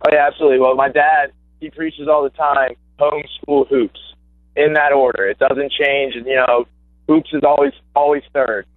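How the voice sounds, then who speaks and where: A young man, a former high school basketball player, calls in as a guest for a casual phone interview, talking eagerly with plenty of fillers and restarts. His mid-range voice has a flat delivery and a moderate pace. The phone line sounds tinny, with no room sound.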